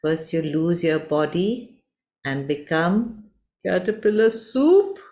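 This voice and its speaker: A woman voicing a kind, wise butterfly in a storybook tale, speaking in a gentle, soothing, patient way. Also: fairly low pitch, animated, slow.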